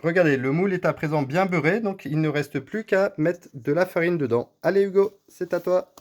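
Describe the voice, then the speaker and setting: A woman with a low, deep voice talks through a recipe in her home kitchen. Her tone is soft and mellow, and she patiently encourages a child helping her at each step. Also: moderate pace. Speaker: parent cooking with her child on his channel. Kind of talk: step-by-step cooking instructions.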